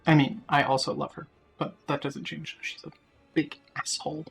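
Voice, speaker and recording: Husky, offhand gamer commentary. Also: mid-range voice, little pitch movement, normal speed, soft background music. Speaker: video game streamer. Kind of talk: casual gameplay commentary.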